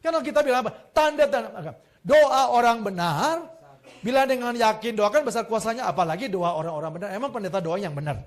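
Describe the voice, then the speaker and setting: A man with a high voice preaches a sermon to his congregation. He tells stories with humor and acts out the people in them. His delivery jumps between loud emphatic lines and quiet asides. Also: fast talker. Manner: lively storytelling with jokes and acted quotes. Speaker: pastor.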